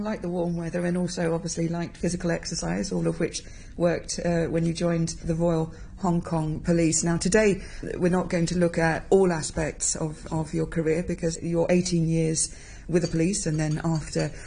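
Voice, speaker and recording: A woman's voice: fairly low pitch, little pitch movement, moderate pace, creaky, warm tone, a little hiss or hum. A woman hosting a long-running programme, asking friendly, probing interview questions. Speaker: radio programme host. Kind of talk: conversational interview.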